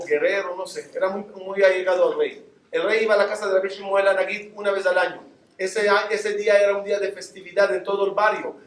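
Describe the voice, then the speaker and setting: A man's voice: high voice, recorded from a distance. A man, a rabbi, preaching a sermon and telling stories, talking straight to his listeners. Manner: animated storytelling, addresses the audience directly. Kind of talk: sermon with storytelling. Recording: echoey room.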